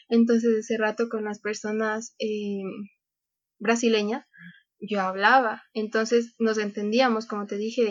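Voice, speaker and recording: A young woman, a scout leader and podcast guest, telling a story in a chatty way and acting out the dialogue. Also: fairly high pitch. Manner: chatty, acts out quoted dialogue, frequent laughs. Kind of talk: casual interview storytelling. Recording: dull, lo-fi sound.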